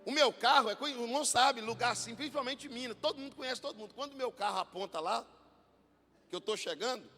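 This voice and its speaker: A Brazilian pastor preaching an impassioned sermon that swings from hushed storytelling to shouting. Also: male voice, very high voice, quick pace. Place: church. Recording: reverberant church hall with soft music.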